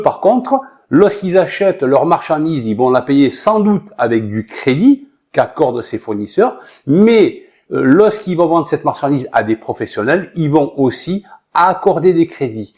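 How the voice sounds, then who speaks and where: A man explaining business finance in a mellow, fairly high voice. He hesitates often and fills the pauses with filler sounds as he works through his lesson. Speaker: business management teacher. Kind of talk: explanatory lesson with a short acted opening.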